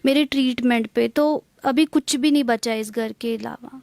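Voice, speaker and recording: A young woman from Kashmir, speaking softly and hesitantly in a tearful interview. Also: a little high, creaky, no room sound. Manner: soft-spoken, hesitant, many pauses and fillers. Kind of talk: emotional interview.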